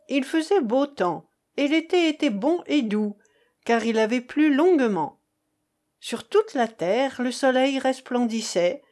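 A woman reading a medieval romance aloud as an audiobook narrator, in a slow, even storytelling manner. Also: a little high. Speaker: audiobook reader.

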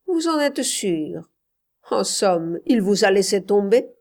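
A woman's voice: mid-range voice, sing-song, slow pace, creaky, darkish tone, heavily acted. A woman reading aloud gives voice to a bitter, jealous husband, questioning his wife with cutting sarcasm in a storybook reading.

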